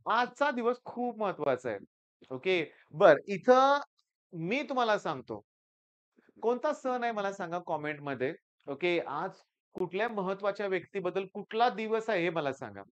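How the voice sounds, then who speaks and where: A man from the Sangli region, an engineering maths teacher giving students an earnest, animated motivational talk. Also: high-pitched, moderate pace, dull audio. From Sangli region, Maharashtra.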